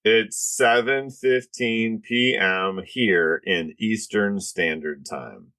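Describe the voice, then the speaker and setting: A man with a fairly low voice hosts a podcast casually. The sound is dry, with no room around it. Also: takes it slowly, pushed and bright, no room sound. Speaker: podcast host.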